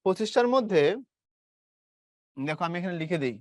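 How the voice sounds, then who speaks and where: A man's voice: high-pitched, expressive, moderate pace, a little mellow. A young adult man from Bangladesh with a Brahmanbaria-tinged Bengali accent, teaching an online class and modeling sounds aloud step by step. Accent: Bangladeshi Bengali, Brahmanbaria region. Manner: explains step by step, calls students brother, models sounds aloud.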